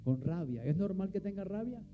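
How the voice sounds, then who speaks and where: A man's voice: high-pitched, animated, a little fast, narrow, tinny audio, soft background music. A man preaching a sermon, asking the congregation questions and answering them himself. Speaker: pastor.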